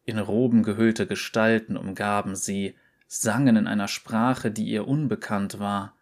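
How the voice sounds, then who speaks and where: A man narrating a short story in a slow, deliberate, measured reading. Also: lowish voice, fairly even intonation.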